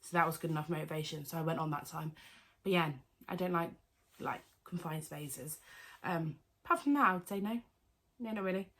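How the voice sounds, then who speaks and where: A woman's voice: low-pitched, fairly quick, a bit bright. Chatty woman in her twenties. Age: 20s. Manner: chatty, rambling, with many fillers and self-corrections. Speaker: vlogger. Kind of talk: casual Q&A vlog.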